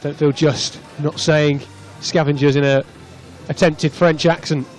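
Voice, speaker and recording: A male commentator calling a rugby match live from an outdoor stadium stand, his voice sitting a touch high for a man. He chats easily between plays and lifts when the action opens up. Faint music plays somewhere behind him. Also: measured pace. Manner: chatty, rising excitedly on breaks. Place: open stadium stand in hot weather.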